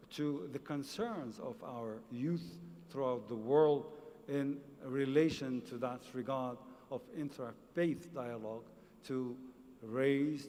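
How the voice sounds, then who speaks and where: Slow, measured male moderator. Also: mid-range voice, darkish tone. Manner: slow, halting, with many fillers. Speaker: session moderator. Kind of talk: formal chairing remarks. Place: large conference hall. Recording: long reverb of a conference hall.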